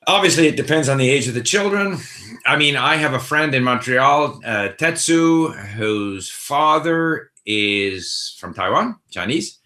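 A middle-aged man hosts a casual live Q&A on language learning, answering viewer questions in a thoughtful, conversational style with frequent fillers and restarts. His mid-range voice is expressive, bright and forceful, and he speaks unhurriedly. The room lends an echo to the recording.

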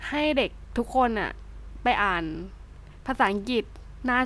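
Young woman, Thai accent, high voice, chatty casual tutor, slow word lists. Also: a bit bright. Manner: chatty, swears casually, lists words slowly. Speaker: English tutor. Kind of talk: casual vlog-style English lesson.

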